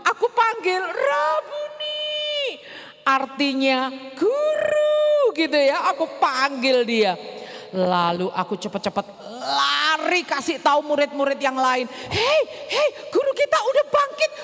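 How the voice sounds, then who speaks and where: A woman's voice: sits high, a bit bright. A woman playing Mary Magdalene as a grieving then joyful disciple in a chatty, emotional first-person church monologue, stammering now and then. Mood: excited. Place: church hall. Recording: echoey church hall.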